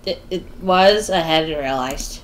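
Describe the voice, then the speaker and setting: A woman playing a reserved, lonely, bookish schoolboy in a live visual novel reading, with halting, stammering delivery. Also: low voice. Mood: defensive. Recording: loud music over the voice.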